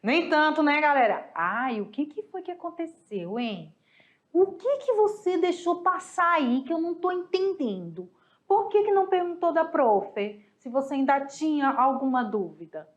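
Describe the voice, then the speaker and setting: High-voiced chatty teacher woman. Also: big pitch swings, normal speed, highs cut off. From Brazil. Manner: affectionate, chatty, addresses students as "galera"; explains step by step, repeats examples in pairs. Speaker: Spanish teacher. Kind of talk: recorded online review lesson.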